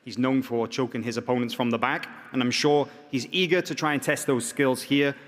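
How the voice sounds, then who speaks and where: A man hosts a press conference and brings on each fighter with brisk, promotional patter and the odd joke. His mid-pitched voice carries a long hall reverb, as if filling a large venue. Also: fairly even intonation. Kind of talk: announcing and introducing athletes.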